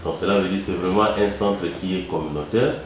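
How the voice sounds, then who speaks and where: A very deep-voiced man with a Congolese French accent speaks as the founder of a medical centre. He talks in a measured way and often pauses on fillers. The recording is very echoey, with a faint hiss behind him. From Kongo Central, DR Congo. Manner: measured, hesitant with frequent "euh" fillers. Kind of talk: interview answers. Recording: very echoey room.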